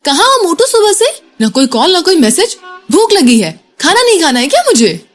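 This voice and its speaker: Woman doing a shrill, bossy young girlfriend. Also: sing-song, darkish tone. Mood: angry scolding. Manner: scolding, rapid and shrill.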